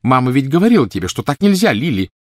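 A man voicing a shrill, disapproving older sister girl who scolds and shrieks. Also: very animated, fast, dry recording, clean studio sound.

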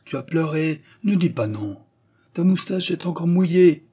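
A proud, fervent old tragic actor near death, pleading with grandiose emphasis, as a male reader puts him on. The voice is dark and husky. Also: a little high, lively intonation, unhurried, pitched above the performer's own voice, exaggerated voice. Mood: rueful.

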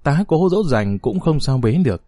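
A man's voice: on the high side, big pitch swings, normal speed, mellow, dry recording, clean studio sound. A man narrating a story as an audiobook, expressively voicing the characters.

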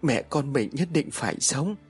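A man's voice: medium pitch, animated, moderate pace, breathy edge, faint music behind, pitched above the performer's own voice. A man voicing a frightened pregnant young woman who pleads tearfully. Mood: pleading.

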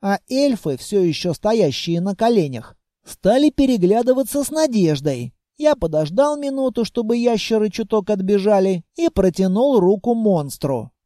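A reader giving expressive first-person audiobook narration. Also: medium pitch, normal speed, hardly any pauses, no echo, clean studio sound.

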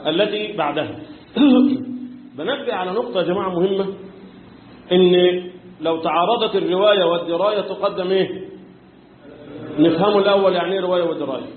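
A man with an Egyptian accent teaching a tajweed lesson, quizzing his students and answering his own questions, chanting verses now and then and often clearing his throat. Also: high voice, brisk, long pauses, a little hiss or hum. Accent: Egyptian Arabic. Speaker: Quran recitation teacher. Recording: echoey room, tinny phone-like sound.

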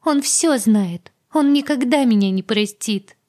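A tearful young maid pleads in a raised, high and strained voice, as a woman reader puts her on. Her tone stays dark and husky under the pressure, and it rises toward a cry. She sounds like a frightened servant in a storybook audiobook. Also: measured pace. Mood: pleading. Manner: pleading, breathless and high-strung.

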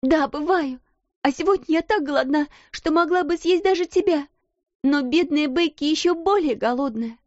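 A woman's voice: sits high, moderate pace, mellow, no echo, highs cut off, pitched above the performer's own voice, natural voice. A woman voicing an earnest, passionate young schoolgirl. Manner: earnest, intense.

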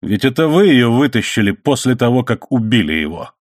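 A man doing a cold sardonic man, quiet mocking delivery, mid-pitched voice, dry sound. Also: very animated, fairly quick, no room sound. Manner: quietly mocking, grimly sarcastic. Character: sardonic cold-hearted man taking revenge.

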